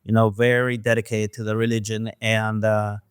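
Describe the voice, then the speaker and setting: A man from Mexico, a guest in an interview, talking in a soft, hesitant way with many fillers. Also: fairly low pitch, flat delivery, moderate pace, clear, resonant tone, dry recording, clean studio sound. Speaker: guest, restaurant owner. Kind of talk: casual interview talk.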